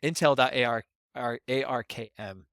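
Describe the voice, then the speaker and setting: A man's voice: medium pitch, moderate pace, a bit bright, dry recording, studio quality. A man co-hosting a casual podcast, explaining at length and often checking in with "right?". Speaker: podcast co-host explaining bitcoin mining.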